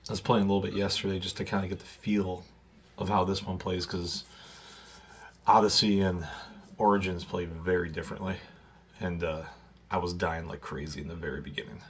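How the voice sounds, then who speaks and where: A man streaming a video game and chatting casually, hoarse from losing his voice, clearing his throat often. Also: sits low, little pitch movement, brisk. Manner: throat-clearing, laid-back. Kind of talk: casual live-stream chat.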